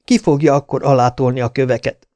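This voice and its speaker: A man voicing a cautious grown man in an audiobook, speaking in a measured, soothing way. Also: medium pitch, fairly even intonation, darkish tone, no echo, voice pushed up, close to an everyday voice. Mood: steady.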